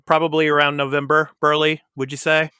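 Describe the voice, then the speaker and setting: Bright-voiced man in his fifties, hosting. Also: on the high side, flat delivery, fairly quick, clear, resonant tone, no room sound, studio quality. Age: 50s. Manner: laid-back, laughs easily. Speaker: podcast host. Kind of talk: casual chat.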